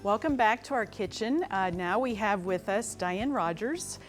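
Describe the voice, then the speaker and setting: A woman's voice: mid-range voice, animated, measured pace, faint music behind. A woman hosting a cooking segment, friendly and eager as she brings on the guest. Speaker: cooking show host.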